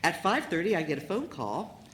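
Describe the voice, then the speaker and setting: A woman sharing her personal recovery story at a meeting, an animated storyteller who acts out the people in it. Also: on the low side, normal speed, a little hiss or hum.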